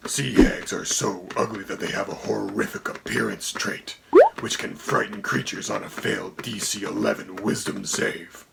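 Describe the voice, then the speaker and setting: A man voicing a haughty dragon co-host who speaks in a gravelly, whispery voice and a dry, condescending tone. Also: low-pitched, steady tone, moderate pace, very noisy. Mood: deadpan. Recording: music playing under the voice.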